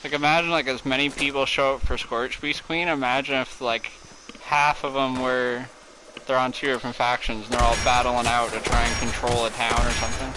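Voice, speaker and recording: A young man giving casual gameplay commentary, thinking out loud in a rambling way with plenty of filler words. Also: mid-range voice, level tone, brisk, background noise. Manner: rambling, filler-heavy brainstorming. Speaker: gamer.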